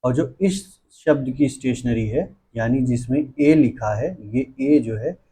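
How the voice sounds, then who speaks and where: A male grammar teacher talks slowly and carefully, spelling words out one letter at a time and repeating each key term. His voice is mellow and a little husky. He keeps checking in with the class as he goes. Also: mid-range voice. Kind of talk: classroom-style exam lesson.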